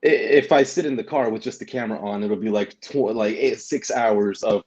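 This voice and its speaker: This young man from Germany, a delivery driver who also vlogs, speaks on the low side at a moderate pace, his voice a little mellow. As an interview guest he rambles casually with many restarts and "right?" tags. The highs are cut off in the recording.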